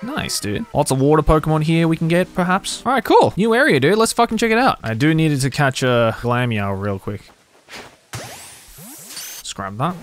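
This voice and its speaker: A man's voice: fairly high pitch, big pitch swings, moderate pace. A man in his thirties giving casual, sweary live gaming commentary into a close desk microphone. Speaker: game streamer. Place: small indoor room at gaming desk. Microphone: close desk microphone on boom arm. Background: game music.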